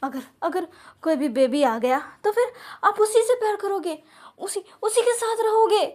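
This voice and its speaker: Woman doing a possessive young guy who's obsessed, pleads and stammers, high voice. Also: fairly even intonation, normal speed, lightly acted. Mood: desperate, pleading.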